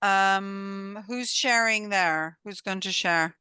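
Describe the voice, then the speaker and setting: A woman's voice: medium pitch, slow pace, pushed and bright, clean tone, no room sound. A woman teaching a class over a video call, encouraging and hesitant, with many fillers as she thinks aloud. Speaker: course teacher. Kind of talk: online class instruction.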